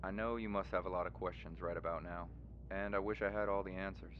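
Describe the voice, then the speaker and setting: A man voicing an earnest, weary leader making a solemn, measured address in an animated game parody. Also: low-pitched, natural voice. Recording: dull broadcast sound under loud music.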